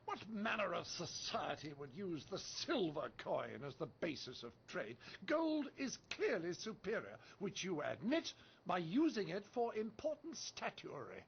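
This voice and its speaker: A man's voice: sits high, wildly swooping pitch, measured pace, creaky, slight background noise, heavily acted. A man voicing a boastful foreign debater who mocks his hosts in a pompous, theatrical way. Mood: haughty. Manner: pompous, taunting, sing-song delivery. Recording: dull lo-fi game audio.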